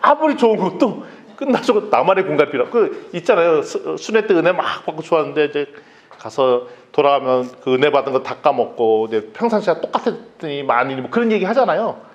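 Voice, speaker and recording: A man's voice: on the high side, fairly quick, muffled recording. A man preaching a sermon as pastor, telling stories and acting out quoted dialogue. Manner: lively storytelling, acts out quoted dialogue.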